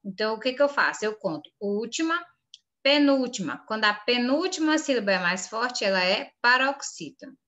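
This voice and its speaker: Bright-voiced Brazilian woman teacher. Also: on the high side, animated, normal speed, highs cut off. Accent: Brazilian Portuguese. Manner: firm, repeatedly urging students not to make mistakes. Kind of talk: reading through an exam for pupils.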